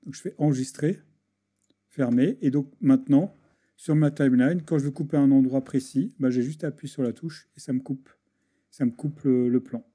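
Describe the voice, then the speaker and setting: Hesitant man with a dark voice. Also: mid-range voice, steady tone, normal speed, slightly rough. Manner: hesitant, many restarts and fillers, talks while clicking. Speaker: video editing tutor. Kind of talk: screen-recorded software tutorial.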